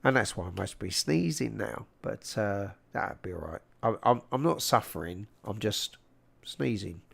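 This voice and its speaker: A man's voice: lowish voice, animated, normal speed, gravelly, slightly rough. A man with a South London accent hosting a livestream in casual, matey chat, speaking into a large close microphone. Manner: informal and matey, calling people "mate". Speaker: livestream host.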